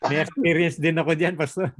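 A man's voice: a little high, brisk. A man in a Bible study group telling a story from his trip home, laughing as he goes. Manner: lively anecdote-telling, laughs a lot. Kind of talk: casual group chat.

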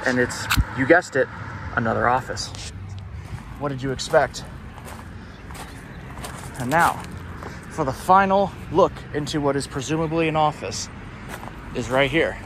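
An unhurried man with a medium-pitched voice and long pauses narrates a walk around a building's exterior as an urban exploration vlogger. His offhand remarks carry a dry, self-deprecating wit, and the recording captures passing cars and outdoor urban sound.

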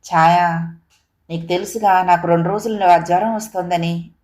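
A woman's voice: fairly low pitch, fairly even intonation, moderate pace, a little mellow, close to an everyday voice. A woman voicing a feverish, hurt husband who pleads earnestly with his wife. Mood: pleading.

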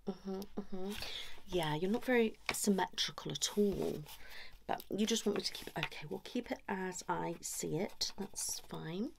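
A woman playing a blunt, tactless sketch artist in an ASMR role-play, in a fast, aggressive ASMR manner with clipped, repeated phrases. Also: medium pitch, gravelly, background noise. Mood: blunt, focused. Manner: blunt, critical. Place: small indoor room. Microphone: close ASMR mic.

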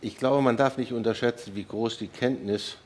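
A man, a professor and expert guest, explaining things in a measured way in a studio discussion on a headset mic. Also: medium pitch, fairly even intonation.

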